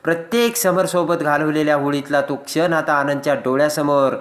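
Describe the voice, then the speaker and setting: A man recounts a drama serial's plot as a recap narrator. His voice sits a little high for a man. He presses on through the scenes, stumbling and restarting as he goes. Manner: rapid narration with frequent restarts and filler "now".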